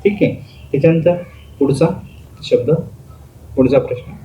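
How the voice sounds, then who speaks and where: A man's voice: fairly high pitch, normal speed, warm tone. A male teacher giving an exam-prep grammar lesson, explaining step by step by asking questions and answering them himself. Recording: phone-like lo-fi audio with faint noise.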